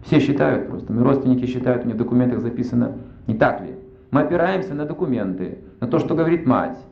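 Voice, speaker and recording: Male spiritual lecturer, mid-pitched, argues through rhetorical questions; slightly muffled recording. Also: expressive, fast, gravelly. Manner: reasoning aloud with rhetorical questions. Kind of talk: religious lecture. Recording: roomy, slightly dull recording.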